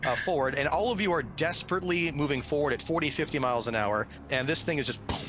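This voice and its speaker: Narrating a tabletop fantasy game as game master, a man tells the story dramatically and adds vocal sound effects. His voice is a little high and fast, the audio is dull and noisy, and loud music plays underneath.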